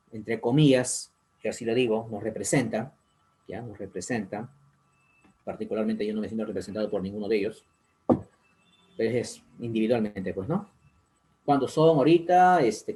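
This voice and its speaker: A man's voice: on the low side, darkish tone. A man with a Peruvian accent teaching a civics lesson, explaining step by step, asking rhetorical questions and repeating the key points. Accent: Peruvian Spanish. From Peru.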